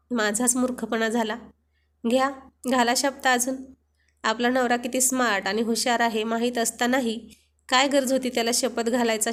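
Woman narrating a romantic story. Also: on the high side. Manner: expressive, steady reading.

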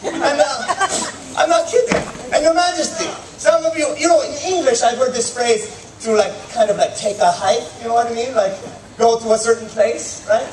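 A man, a middle-aged stage juggler, projecting comic patter with mock-courtly showmanship to a live fair audience. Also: extremely high pitch. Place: open-air covered stage at a fair. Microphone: far camera in the audience. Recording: distant, echoey, noisy live crowd recording. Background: loud crowd and ambient noise.

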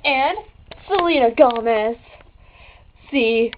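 A woman's voice: on the high side, slow pace, slight background noise. A woman playing an over-eager, easily flustered infomercial host in a gushing, stammering hard-sell parody. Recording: dull lo-fi home video sound.

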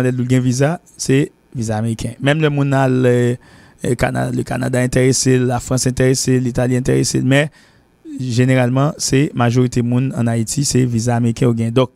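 A man from Haiti with a Haitian accent, hosting and teaching a spoken English lesson. He explains at length, repeats and restarts phrases, and slows down whenever he pronounces an English phrase. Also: medium pitch, gravelly, mellow, no echo. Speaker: English teacher and show host.

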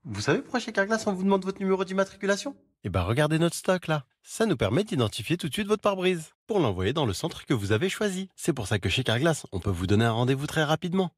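Lively man pitching repairs in an ad. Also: fast, breathy edge. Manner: lively, explanatory salesman delivery. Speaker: car glass repair adviser in an ad. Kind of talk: scripted ad pitch to camera.

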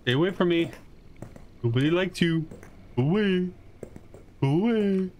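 A gaming channel host, a man with a darkish, animated voice, takes his time commenting on a horror game he's playing. He reads lines aloud and talks to the monsters, jittery and rambling, and breaks into high-pitched yelps when something scares him. There's slight background noise.

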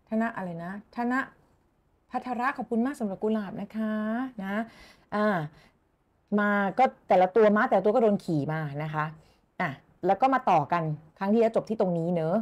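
A woman's voice: mid-range voice, normal speed, a little mellow. A woman with a Thai accent teaching English in a live stream, chatting with viewers, thanking them and asking her students questions.

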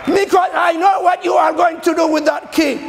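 A man voicing God as a commanding, solemn figure, delivering shouted, emphatic declarations. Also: extremely high pitch, fairly even intonation, normal speed, gravelly, a faint crowd, slight background noise. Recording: echoey church hall with a faint congregation.

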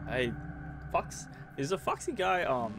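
A man's voice: big pitch swings, measured pace. Jumpy young man streaming a horror game. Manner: jumpy, panics into high yelps, rambling with fillers. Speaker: gaming streamer. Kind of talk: live horror game commentary. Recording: game music playing behind. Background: game music.

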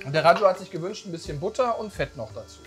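A man's voice: high-pitched, lively intonation, fast talker, a bit bright. A man in his forties, a chef hosting a cooking video, chatting and joking while asking many questions, recorded in a large indoor professional kitchen on a lapel mic. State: sweating from spicy food. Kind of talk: casual cooking chat. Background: background music and sizzling pan.

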